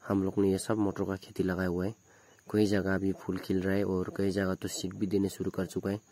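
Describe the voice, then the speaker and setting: A man's voice: sits low, monotone, normal speed, dark tone, dry recording. A young man giving a casual walking tour of his hillside vegetable farm, plainly pointing things out one by one while filming on a phone held at arm's length outdoors. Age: young adult. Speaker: farm vlogger.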